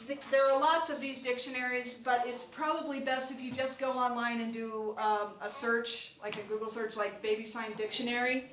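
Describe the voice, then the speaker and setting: A woman's voice: a little high, steady tone, moderate pace, hardly any pauses, a bit bright, distant mic, slight background noise. Chatty woman lecturing in an echoey classroom. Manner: chatty, laughs often, many restarts. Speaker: college instructor. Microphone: distant room mic.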